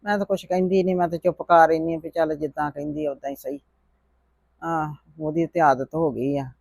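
A man playing a gentle, meek elderly grandmother who talks softly and resignedly, fearing any quarrel. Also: on the high side, fairly even intonation, brisk, creaky, no echo. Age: older. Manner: soft-spoken, resigned complaining. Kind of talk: family drama vlog acting.

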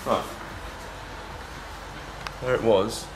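A man's voice: on the low side, steady tone, extremely slow. A British man bantering casually on a car road trip, wry and joking. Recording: echoey with loud music underneath.

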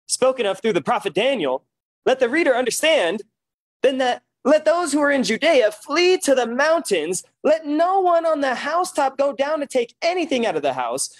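High-voiced man preaching at a pulpit microphone. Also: sing-song, moderate pace, dry recording. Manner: reads scripture aloud, then comments with emphatic exclamations. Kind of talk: sermon with scripture reading.

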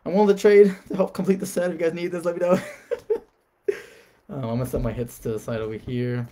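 A man's voice: fairly high pitch, rapid-fire, warm tone. A man chatting casually on a live stream, reading out card names and talking to viewers.

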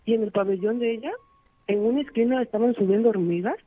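A man's voice: high voice, quick pace. Man telling his story over a phone line. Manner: rambling, many "este" fillers. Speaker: caller. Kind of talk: telling a true scary story.

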